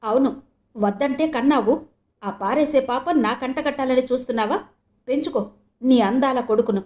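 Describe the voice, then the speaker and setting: A bitter young husband who taunts with cold sarcasm, read by a woman. The voice keeps a mellow, warm tone and sits fairly high. It is a storybook figure in an audio novel. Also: normal speed, lightly acted. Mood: mocking. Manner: mocking, cold.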